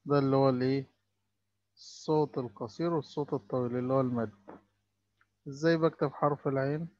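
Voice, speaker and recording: A man's voice: mid-range voice, fairly even intonation, fast, a little mellow, muffled recording. A man with an Egyptian Arabic accent teaching a lesson for young children, stretching out each sound as he spells words.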